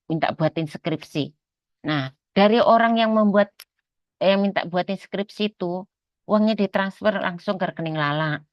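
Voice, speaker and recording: A middle-aged woman talks straight to the listener in an earnest, aggrieved way and circles back over her points to press them home. Her voice sits at an ordinary pitch for a woman. The sound is dry and a little dull, with no room around it. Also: no echo. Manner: earnest, aggrieved, repeats herself for emphasis. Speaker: mother recounting family troubles. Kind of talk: personal monologue to camera.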